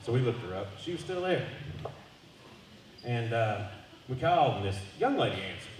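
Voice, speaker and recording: A man's voice: medium pitch, moderate pace, slight background noise. A man doing a loose, profane stand-up set. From Southern US. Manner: loose, profane storytelling with animated voice jumps. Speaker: stand-up comedian. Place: brewery comedy showcase stage. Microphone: handheld stage microphone. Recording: echoey room from far off.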